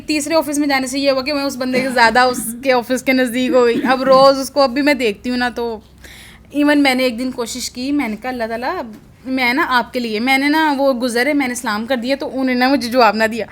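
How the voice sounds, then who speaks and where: A woman's voice: high voice, steady tone. A woman sharing a personal testimony about her office work in a prayer session, in a rambling, hesitant way with many restarts.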